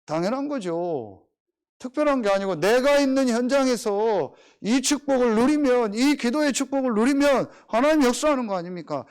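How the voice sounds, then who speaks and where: A middle-aged male pastor preaches in a very high-pitched, smooth voice at a moderate pace. He is animated as he tells everyday stories and keeps firing rhetorical questions at the congregation.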